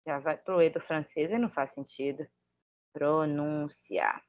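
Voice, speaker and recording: A woman's voice: sits low, measured pace, dull audio. A woman with a Brazilian Portuguese accent giving a casual online English lesson, chatty and thinking aloud with self-deprecating asides. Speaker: English teacher.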